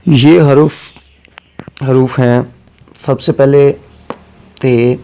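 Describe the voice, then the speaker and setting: A man teaching a grammar lesson, slowly going over letters one by one and repeating himself as he explains. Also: medium pitch, fairly even intonation, mellow, slight background noise. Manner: slow and repetitive, spelling out letters one by one.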